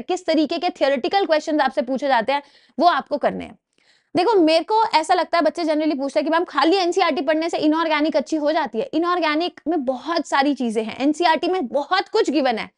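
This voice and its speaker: High pitched indian teacher lady, chemistry lecture, keeps asking "samajh gaye?" style checks. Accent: Indian English. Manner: explains in Hindi mixed with English terms, asks quick check questions. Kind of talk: exam-prep lecture.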